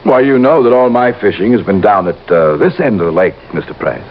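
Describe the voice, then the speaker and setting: A halting, guilty killer. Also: male voice, on the low side, lively intonation. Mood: uneasy. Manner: hesitant, halting, then cold. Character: nervous guilty male murderer turning menacing. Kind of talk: 1950s radio drama acting. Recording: dull old radio broadcast, faint hiss.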